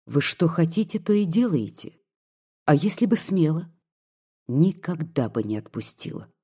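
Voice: mid-range voice, big pitch swings, moderate pace, warm tone, husky. A reader voicing a tearful, devoted young peasant woman. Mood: earnest. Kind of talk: audiobook dialogue reading.

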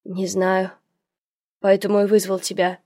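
A woman voicing a gloomy, blinded old uncle who speaks gravely and firmly. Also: mid-range voice, monotone, unhurried, warm tone, no echo, studio quality.

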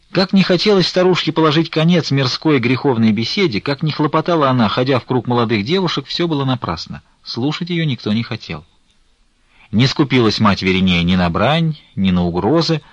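A man narrating a classic novel in an expressive storytelling manner. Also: mid-range voice, dry recording, highs cut off. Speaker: audiobook narrator.

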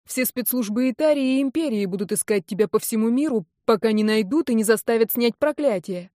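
A woman reading an audiobook, voicing a young male elf friend who scolds loudly and then soothes. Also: a little high, a little fast, no echo, clean studio sound, close to an everyday voice. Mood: alarmed scolding.

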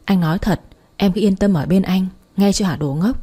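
A woman reading a gentle teasing young boyfriend. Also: mid-range voice, fairly quick, breathy edge, lightly acted. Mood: reassuring. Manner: soft, reassuring, lightly teasing.

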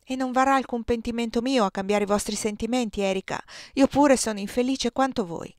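A woman's voice: fairly high pitch, a little fast, a little mellow, no echo, pitched above the performer's own voice, lightly acted. Lady reading as a guilty desperate guy, begging, dry close voice. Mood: pleading. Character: guilty desperate man, pleading.

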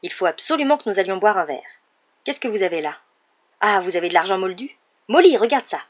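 A woman voicing an excitable, enthusiastic balding wizard father in an audiobook reading. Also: lowish voice, fast, breathy edge, muffled recording.

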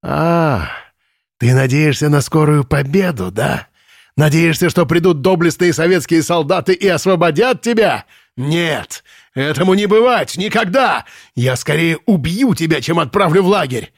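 A man reading the part of a drunk, raging male Nazi camp commandant in an audiobook, shouting and ranting in a bullying, unhinged way. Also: very animated, drawn-out words, creaky, dry recording, studio quality, full character voice. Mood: furious. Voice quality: shrill, furious shouting.

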